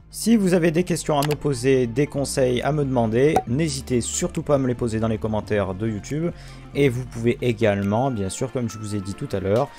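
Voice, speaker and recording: A young man narrates a screen-recorded software tutorial, calmly explaining each step in turn. His voice is mellow and sits at an ordinary pitch. Soft music plays faintly behind him. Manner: steady step-by-step instructions. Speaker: tutorial host.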